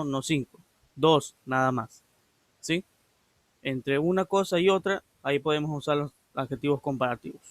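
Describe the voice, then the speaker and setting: A man's voice: on the high side, fairly bright tone, no room sound. A male English teacher giving a recorded lesson, patiently explaining and repeating grammar rules step by step. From Ecuador.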